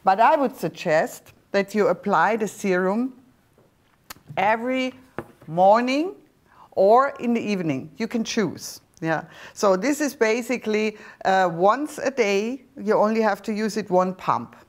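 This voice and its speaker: A middle-aged woman with a German accent, a skincare doctor presenting a serum on a TV shopping channel, explaining in slightly halting non-native phrasing. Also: medium pitch, expressive. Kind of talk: TV shopping product demonstration. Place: TV studio set. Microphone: lapel mic.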